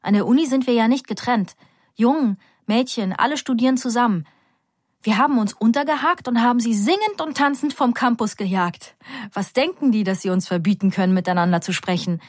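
A woman's voice: on the high side, brisk, no room sound, studio quality, natural voice. Woman voicing a fiery, defiant young student. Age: young adult. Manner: urgent, excited, outspoken.

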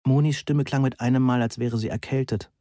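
A man reading a first-person story aloud in a measured, deadpan manner, close to the mic. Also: mid-range voice, dry recording. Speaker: audiobook narrator. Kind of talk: first-person scripted narration.

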